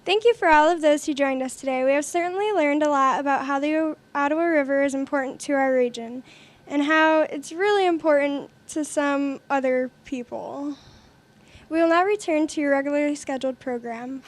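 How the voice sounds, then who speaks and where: Brief: high-voiced teen girl anchor, announcer delivery, faint noise behind. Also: normal speed. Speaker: mock news anchor. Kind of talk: student news parody.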